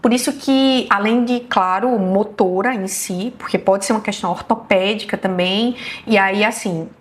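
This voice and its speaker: A woman's voice: mid-range voice, moderate pace. A woman with a Brazilian Portuguese accent giving an online health lecture as a neurologist, explaining patiently and often checking in with her listeners.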